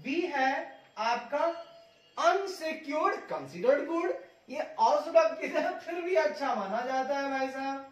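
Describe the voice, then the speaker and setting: A man's voice: extremely high pitch, animated, measured pace, echoey room, distant mic, soft background music, low-quality recording. A male teacher giving an exam-prep lecture, playful, repeating each term and asking and answering his own questions. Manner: playful, repeats terms, sings a jingle, asks and answers himself. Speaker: commerce teacher.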